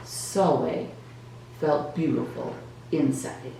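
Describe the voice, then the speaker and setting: A woman with a low voice and some vocal fry takes her time narrating a children's picture book, deliberate and expressive, as a church Sunday school storybook reader following a script. Captured by a distant mic, the audio is very echoey, with faint noise.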